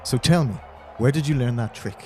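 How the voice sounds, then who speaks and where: A man playing his character at a tabletop game, talking casually but pushing hard with his questions. His voice sits at a middle pitch, and music plays underneath. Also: a little fast, darkish tone. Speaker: player.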